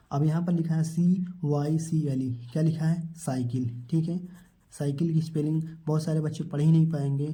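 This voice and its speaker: A man gives a step-by-step spelling and pronunciation lesson, posing questions and answering them himself. His voice sits a little high for a man, and its tone is very dark and mellow. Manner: asks questions and answers them himself, repeating each word; addresses viewers as children. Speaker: English teacher.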